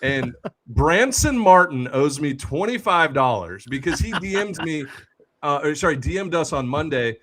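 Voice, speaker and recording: Animated young man telling a story. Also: fairly high pitch, moderate pace, background noise. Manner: animated storyteller, acts out quoted voices. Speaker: podcast host. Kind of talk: casual storytelling chat.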